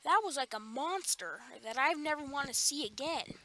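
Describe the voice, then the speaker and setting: A woman giving let's play commentary as the host of a gaming channel, excitable and quick to burst into alarmed exclamations. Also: sits high.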